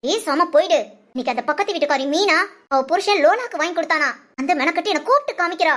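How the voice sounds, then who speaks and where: A woman playing a sharp-tongued young mother who nags and scolds her family in a short drama. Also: very high voice, lively intonation, fast. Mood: bitter. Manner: nagging, cutting scolds.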